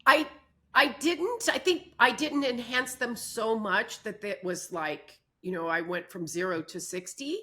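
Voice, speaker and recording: A woman co-host in a relaxed panel chat, sharing her own experience openly. She talks at an unhurried pace, and her voice is bright and sits fairly high. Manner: candid, speaks from personal experience.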